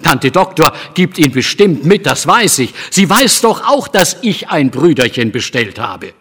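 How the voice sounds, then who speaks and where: A man putting on a stubborn little girl with a squeaky, pleading storybook voice, her pitch leaping all over. It rings out with a long hall echo, as a narrator puts her on. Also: sing-song, unhurried, a bit bright, slightly rough, exaggerated voice. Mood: excited pleading. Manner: high, shrill pleading.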